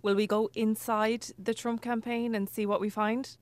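A woman's voice: a little high, flat delivery, moderate pace, no room sound. A woman with a west of Ireland accent, presenting and interviewing in a conversational style. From Galway, west of Ireland. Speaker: broadcast presenter.

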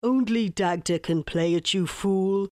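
A woman's voice: medium pitch, very animated, slow pace, a little mellow, no room sound, clean studio sound. A woman voicing a proud, scornful enemy king in a storybook tale. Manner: scornful, boastful.

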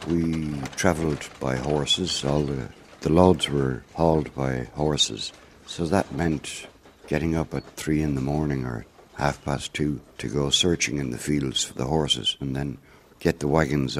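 Deep, gravelly older Irish man. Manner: unhurried storytelling. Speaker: former circus performer. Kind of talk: reminiscing interview narration.

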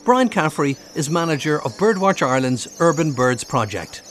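A man's voice: a little high, big pitch swings, normal speed, a bit bright, slight background noise. A man with an Irish accent presenting and narrating a scripted nature documentary.

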